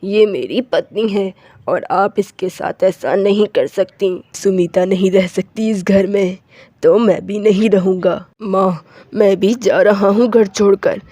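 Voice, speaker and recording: Woman doing a young cartoon husband, mellow and dry, firm delivery. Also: medium pitch, a little slow, no room sound. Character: loyal young husband Suraj, male.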